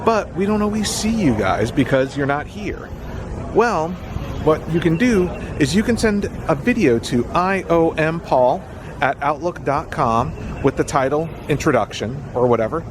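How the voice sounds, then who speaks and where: A man's voice: on the high side, animated, normal speed. A man hosting a theme park vlog, talking casually to his viewers outdoors. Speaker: theme park vlogger and channel host. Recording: noisy outdoor amusement park ambience.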